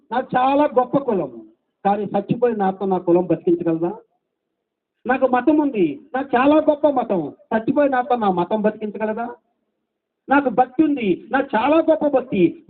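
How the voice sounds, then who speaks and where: High-pitched preacher guy, repeats himself, lots of questions and hallelujahs, loud then soft, tinny phone-ish audio. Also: lively intonation, normal speed. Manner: repetitive rhetorical questions, calls of hallelujah; emphatic, swings between loud and soft delivery. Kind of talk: gospel sermon. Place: gospel meeting.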